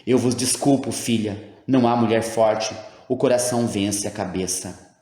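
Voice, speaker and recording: A man's voice: fairly low pitch, moderate pace, mellow, roomy sound, in a large hall, lightly acted. A man reading the part of a kind, timid old woman chemist who grumbles and frets. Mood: tender. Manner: fretful, grumbling.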